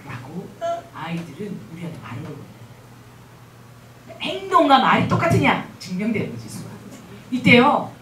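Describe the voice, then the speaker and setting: A woman speaking as a guest missionary at a church revival meeting. She talks in an animated way and keeps asking the audience questions. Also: mid-range voice, moderate pace, long pauses, slight background noise. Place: large church hall. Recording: echoey hall, mic at a distance.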